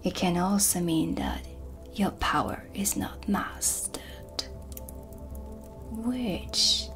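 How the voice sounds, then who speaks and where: Here the same woman voices the brooding, blunt dark witch, a mysterious tea-reading hostess, in an ASMR cinematic roleplay, whispering breathily at a medium pitch. She sounds grave as she explains things, slow and ominous with pauses. Ambient background music sits under her close, soft-spoken delivery.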